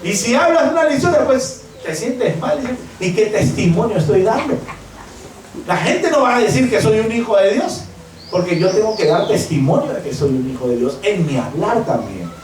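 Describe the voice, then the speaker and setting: A man's voice: sits high, lively intonation, normal speed. A Peruvian man, a pastor, preaching a fervent sermon and acting out the voices of the people he quotes. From Peru. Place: church hall. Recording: echoey church from far off.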